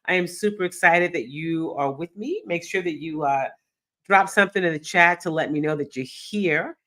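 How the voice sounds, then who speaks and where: With a lowish, somewhat bright voice at a moderate pace, a middle-aged woman from Texas hosts a live sports talk stream while nasal with a cold. She stays upbeat, addresses her viewers directly and reads their chat messages out loud.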